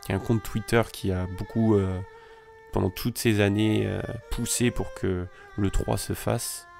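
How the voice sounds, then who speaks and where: A man hosting a calm let's play, reading in-game messages aloud and musing on them in a chatty way. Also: fairly low pitch, measured pace, vocal fry, faint music behind. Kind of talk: calm gameplay commentary.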